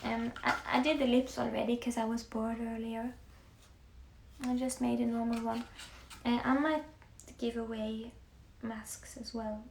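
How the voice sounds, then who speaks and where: A young Norwegian woman, a musician, livestreams to fans while she paints, speaking softly with a Norwegian accent and often drifting into near-whispers. Her voice is fairly high, level, a little slow and gravelly, picked up by a phone in an echoey room with faint background hiss.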